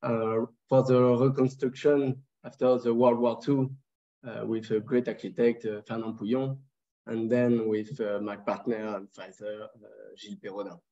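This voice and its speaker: A man from France with a French accent, a native French speaker, giving an unscripted architecture presentation in careful, halting English. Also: lowish voice, level tone, dark tone. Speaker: architect giving a webinar talk. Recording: dull lo-fi webinar audio.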